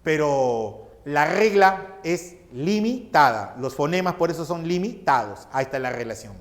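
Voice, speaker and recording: Lively, unhurried teacher. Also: male voice, on the high side. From Peru. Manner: explains step by step, asks the class questions and answers them himself. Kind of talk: recorded class lecture.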